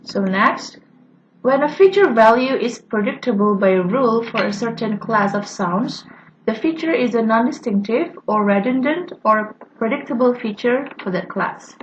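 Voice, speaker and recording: Halting young woman giving a class talk. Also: on the high side, lively intonation, a little hiss or hum, poor audio. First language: Indonesian. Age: young adult. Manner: halting, with frequent "uh" fillers and restarts. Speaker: student presenter. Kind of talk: class presentation on phonetics.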